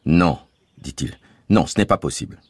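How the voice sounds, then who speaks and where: A man's voice: a bass voice, moderate pace, husky, no room sound, studio quality. A man voicing a scrupulous, stern schoolteacher father who speaks in a principled, indignant way.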